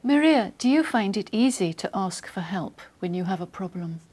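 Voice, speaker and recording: A woman acting as examiner, reading scripted test instructions in a formal, measured, polite way. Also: medium pitch, animated, a little mellow.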